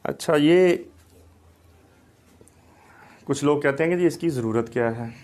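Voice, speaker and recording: A man giving a recorded lecture, explaining slowly and deliberately and telling a small anecdote to make his point. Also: fairly high pitch, darkish tone. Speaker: teacher.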